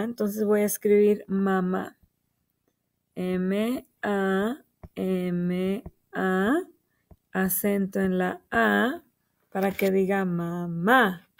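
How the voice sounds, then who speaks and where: A woman's voice: mid-range voice, gravelly, darkish tone. A woman teacher walking young children through writing a short sentence, patiently spelling out letters and pointing to each word. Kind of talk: slow early-grade writing lesson for children.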